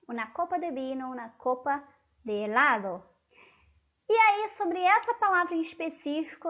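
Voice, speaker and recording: A woman's voice: high voice, highs cut off. A Brazilian woman giving an online language lesson in a chatty manner, often checking in with her students. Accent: Brazilian Portuguese. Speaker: language teacher.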